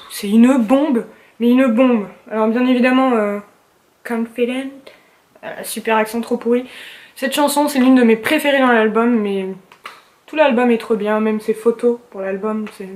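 A woman's voice: fairly high pitch, steady tone, normal speed, darkish tone. A young woman vlogging in casual chat, gushing and chatty with slang and fillers, at home indoors. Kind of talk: casual chat about favorites.

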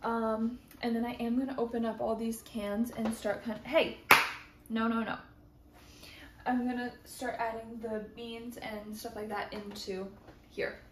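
A young woman narrates her cooking vlog from a home kitchen, casually talking through each step and saying "um" often. Her voice is on the high side and fairly flat, at a measured pace, and the kitchen sounds echoey with food sizzling.

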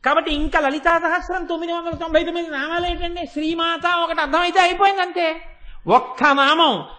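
A man giving a devotional discourse, telling a sacred story with emphatic, dramatic swings between loud calls and hushed asides. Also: very high-pitched, fairly even intonation, brisk. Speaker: spiritual speaker.

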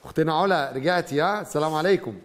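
A middle-aged Egyptian man hosts a call-in show from a TV studio. He talks very quickly in a slightly high voice. His delivery is conversational, full of questions to the caller. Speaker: TV call-in host interpreting dreams.

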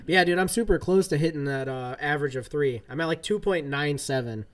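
A livestream gamer in his thirties talks casually from his home gaming room during play, loose and meandering with frequent fillers. His voice runs on the high side and he speaks briskly.

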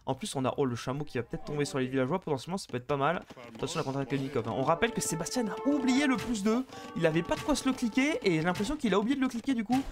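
A man casting a live strategy game match, chatty and excitable, bantering with viewers between plays. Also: fairly high pitch, racing, music in the background. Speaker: esports caster.

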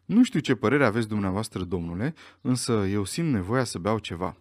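A man reading an audiobook voices a breezy young gentleman who speaks casually. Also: fairly low pitch, animated, no room sound, clean studio sound, lightly acted.

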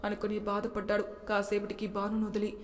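A woman storyteller reading a romance story aloud in a steady, even way. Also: mid-range voice, fast. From Telugu-speaking India. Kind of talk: storybook narration. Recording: reverberant room.

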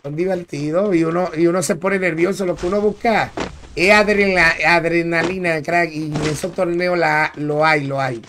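Male gaming streamer, high voice, slangy and casual, shout-outs to viewers, noisy recording. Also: steady tone, normal speed. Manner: chatty, greets viewers by name, slangy. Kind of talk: casual live-stream chat while gaming. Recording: clear background noise with clicks.

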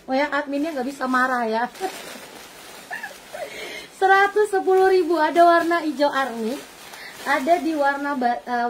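Playful online seller, a high-voiced woman in a shop, light hiss underneath. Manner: playful, laughing often, addresses customers as "Bunda". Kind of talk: live-selling video. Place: clothing shop.

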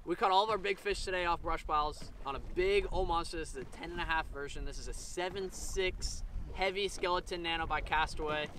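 A man's voice: fairly high pitch, fairly quick, bright, forceful tone, slight background noise. A man in his twenties vlogging casually from a fishing boat on a lake, talking loosely to viewers he calls folks. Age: 20s. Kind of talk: casual on-the-water vlog. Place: outdoors on a bass boat on a lake. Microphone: camera mounted on the boat, close framing.

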